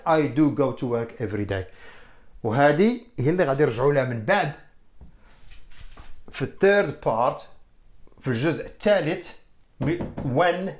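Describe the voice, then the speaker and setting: A man with a Moroccan Arabic accent gives a beginner English lesson at the board. He explains in quick Arabic and says the English example sentences slowly, one word at a time. His voice sits at an ordinary middle pitch. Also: a little mellow. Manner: switches between Arabic and slow, drawn-out English, repeating example sentences. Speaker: English teacher.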